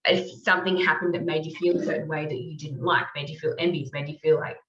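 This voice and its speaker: Woman host, deep voice, chatty motivational coach, filler-heavy, muffled online audio. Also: steady tone, fast talker, fairly bright tone. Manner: rambling, many fillers and self-corrections. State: clearing her throat. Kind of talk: casual motivational talk. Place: call or online meeting.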